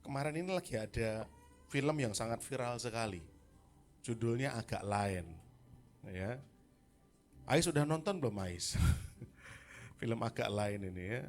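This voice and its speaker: A male pastor delivers his sermon in a loose, conversational way. He jokes with the congregation and calls out to listeners by name. His voice sits in an ordinary middle pitch. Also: expressive, unhurried, long pauses, faint music behind. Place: church service in a hotel hall.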